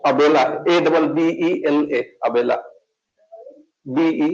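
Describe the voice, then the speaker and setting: Slow-spelling Indian male teacher. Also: on the high side, fairly even intonation, lo-fi sound. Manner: slow dictation, spelling words letter by letter. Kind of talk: exam coaching class dictation.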